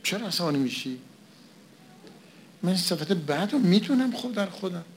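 A man's voice: high voice, lively intonation, slight background noise. A man preaching a conversational sermon, asking and answering his own questions and repeating phrases for emphasis.

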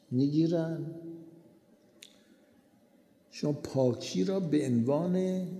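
A man's voice: a little high, gravelly, dark tone. A man giving a sermon, repeating his key phrases again and again for emphasis. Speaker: preacher. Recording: echoey hall reverb.

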